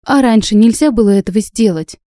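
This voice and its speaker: Audiobook casting: a woman as a prickly young heroine, sarcastic and indignant, warm mellow tone, dry sound. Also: mid-range voice, brisk, dry recording, lightly acted.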